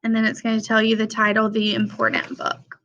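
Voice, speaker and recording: A young woman reads a children's picture book aloud in a fairly high, very bright, sing-song voice. She goes slowly, phrasing things simply and deliberately, and the recording sounds a little dull and lo-fi.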